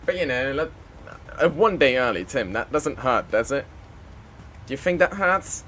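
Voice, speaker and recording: A man's voice: mid-range voice, animated, normal speed, a bit bright, slight background noise. A man live-streaming a flight simulator, chatting casually and making the odd pilot radio call.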